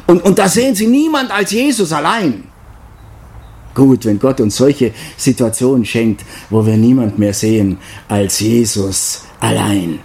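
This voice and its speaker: An older man giving a devotional talk as a preacher, earnest, slowing down to stress key phrases. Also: medium pitch, darkish tone. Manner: earnest, with slow emphatic stresses.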